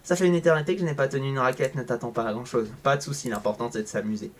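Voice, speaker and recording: Talking very fast in a mid-range voice, this gamer reads a visual novel aloud and keeps interrupting himself with sarcastic remarks. His casual commentary, captured on a home mic, jumps from deadpan narration to sudden loud outbursts.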